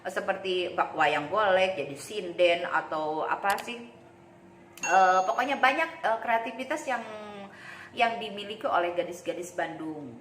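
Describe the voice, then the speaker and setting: A woman's voice: lowish voice, animated, unhurried, fairly bright tone. A woman talking casually to her viewers as a video host, chatty, with plenty of fillers and tag words. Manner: chatty, with many fillers and tags. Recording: echoey room with faint noise.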